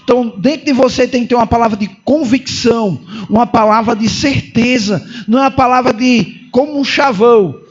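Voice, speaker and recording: Fervent Brazilian pastor with a very high voice. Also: male voice, fairly quick, few pauses, slightly rough, lo-fi sound. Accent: Brazilian Portuguese. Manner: fervent, emphatic repetition, calls listeners "irmão". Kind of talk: sermon.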